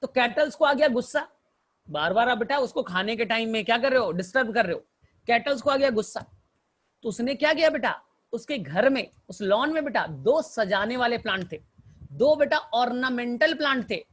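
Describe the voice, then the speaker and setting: A man's voice: very high voice, lively intonation, moderate pace, a bit bright. A male teacher giving a botany lecture through mnemonic stories, who keeps calling his students "beta" and asks and answers his own questions.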